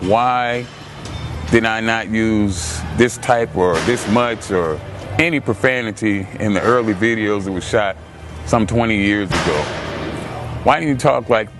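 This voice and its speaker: A middle-aged man, a martial arts trainer, ranting to camera in a combative, taunting way full of swearing, on a clip-on mic. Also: fairly low pitch. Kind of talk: profane rant to camera.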